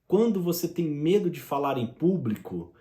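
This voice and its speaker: Man, motivational speaker, punchy rhetorical delivery, higher pitch with a mellow tone. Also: lively intonation, normal speed, echoey room. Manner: emphatic, addresses listener directly with rhetorical questions. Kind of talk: motivational talk to camera.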